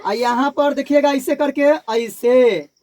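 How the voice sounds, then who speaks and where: A man with a Bihari Hindi accent teaches a physics lesson in an unhurried way, his very high voice carrying a darkish tone. He keeps repeating key terms and prompting the class to say them back.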